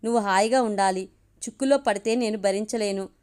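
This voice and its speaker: A woman voicing a caring young woman in a storybook reading, gentle and soothing in manner. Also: medium pitch, brisk, clear, resonant tone, lightly acted.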